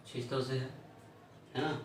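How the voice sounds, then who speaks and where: A man's voice: medium pitch, little pitch movement, normal speed, slight background noise. A male physics teacher, lecturing in a classroom and constantly quizzing students with "है ना?". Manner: keeps asking the class questions, repeats "है ना?". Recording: far, echoey room with faint ambience.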